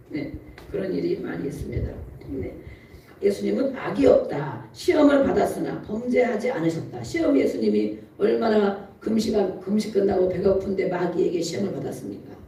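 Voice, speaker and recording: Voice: mid-range voice, very animated, brisk, mellow, slight background noise. A pastor giving a sermon who acts out pleading prayers in a raised voice and often laughs while preaching. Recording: very echoey room, voice far from the mic.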